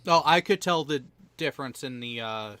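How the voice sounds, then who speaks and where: A man's voice: medium pitch, moderate pace, sharp tone. A man in casual banter with other veterans, explaining things earnestly and in detail.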